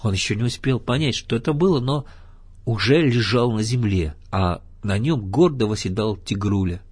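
Brief: male narrator for a children's story, breathy-edged, animated delivery. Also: on the low side, moderate pace. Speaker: storybook reader. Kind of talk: scripted narration.

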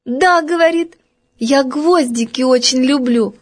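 A woman voicing a tiny, timid creature girl with a thin, high little voice in a storybook reading. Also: unhurried. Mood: coy. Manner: plain, shy, short answers.

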